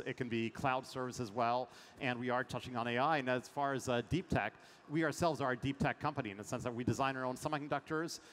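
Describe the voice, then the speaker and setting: Speaking through a headset mic at a fireside chat on a large conference stage, a middle-aged investor from France sounds medium-pitched and fairly bright. He talks energetically with plenty of fillers; there's slight background noise, faint ambience, and long hall reverb.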